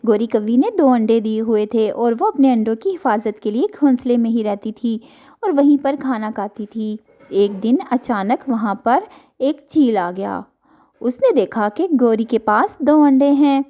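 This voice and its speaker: A woman narrating a children's cartoon story in a gentle, chatty storytelling manner. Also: on the high side, expressive, muffled recording. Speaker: storyteller, channel owner.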